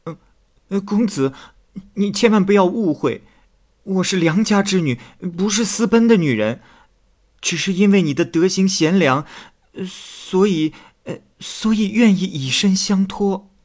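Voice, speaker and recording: A man voicing a shy young maidservant who pleads in halting, stammering words in a storybook retelling. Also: sits high, expressive, darkish tone, voice pushed up. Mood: pleading.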